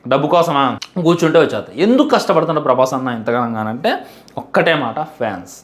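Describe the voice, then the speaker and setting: A young man delivers a heartfelt fan monologue, stacking up repeated phrases and pleading with the audience. His voice sits a little higher than most men's. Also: lively intonation, fast talker. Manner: emphatic, repetitive, pleading. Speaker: fan commentator.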